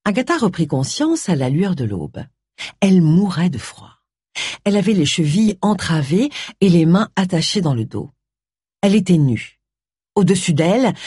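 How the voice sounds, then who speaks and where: A woman narrating a mystery novel audiobook with expressive storytelling. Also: on the low side, normal speed, husky, dry recording, studio quality.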